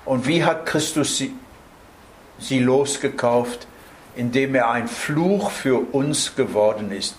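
A man's voice: medium pitch, slow pace, slight background noise. A man giving a Bible teaching sermon in German, explaining verse by verse and checking in with his listeners. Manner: explanatory, adds tag questions "nicht?". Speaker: preacher. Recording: roomy hall with faint ambience.

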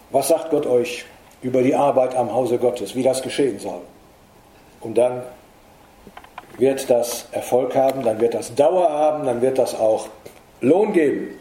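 A middle-aged man preaching a sermon in earnest, emphatic tones, rising in pitch to stress his points. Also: warm tone. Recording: echoey room.

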